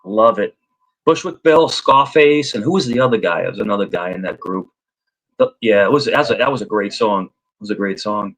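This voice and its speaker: A man chatting casually in a group, animated and repetitive, who often slips into put-on voices. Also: fairly low pitch, a little fast, slightly rough, low-quality recording. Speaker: host.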